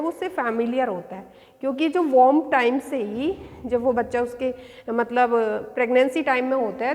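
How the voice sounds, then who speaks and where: A woman's voice: high voice, long reverb tail. A woman teacher lecturing in Hindi mixed with terms, explaining an essay step by step and restating each point.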